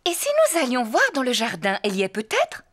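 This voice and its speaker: A woman voicing a calm, gentle mother pig in a children's cartoon. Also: on the high side, brisk, full character voice. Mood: pleasant.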